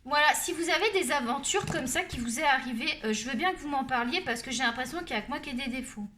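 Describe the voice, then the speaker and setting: Chatty woman w a shrill high voice doing a coloring tutorial, talks loud, bit of hiss behind. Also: fast. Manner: loud, talkative and animated. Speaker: colouring tutorial host.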